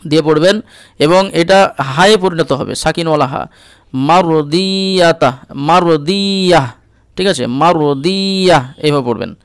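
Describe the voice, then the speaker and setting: Male Quran tutor, slightly high, smooth clear voice, dry close sound, spells out letters then chants words slowly. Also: dry recording. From India. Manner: checks in often with the listener. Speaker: Quran reading teacher. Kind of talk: step-by-step recitation lesson.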